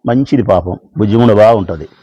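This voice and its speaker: A man telling a fable slowly and dramatically, with much repetition. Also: on the low side, lo-fi sound. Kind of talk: storytelling speech.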